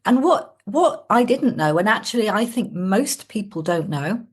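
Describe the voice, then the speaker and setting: A woman's voice: medium pitch, expressive, a little slow, husky. A woman from Wales, a sales coach, telling her story as a guest on a video call in a reflective way. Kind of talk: casual interview on a call.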